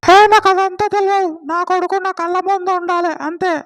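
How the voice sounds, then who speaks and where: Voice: little pitch movement, a little fast, fairly bright tone. A performer voicing an angry middle-aged mother who scolds her husband over their son in a comedy sketch. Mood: scolding. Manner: scolding, high and shrill.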